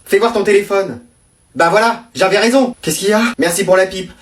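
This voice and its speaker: A man's voice: high voice, brisk, far from the mic. A man acting in a comedy sketch, asking probing, nagging questions.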